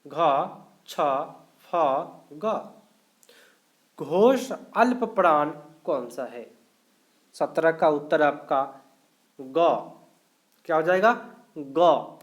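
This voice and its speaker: A man teaching a live online grammar class, going through each question slowly and explaining every answer step by step. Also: a little high, animated. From India.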